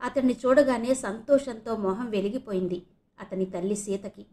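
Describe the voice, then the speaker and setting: A woman from India narrating an audio novel in a steady storytelling voice. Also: medium pitch, normal speed.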